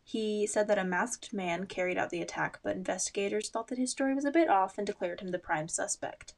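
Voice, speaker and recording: A woman's voice: medium pitch, brisk, vocal fry. A young woman hosting a casual true-crime chat, talking in a loose, rambling way with frequent asides and ums. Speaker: podcast host.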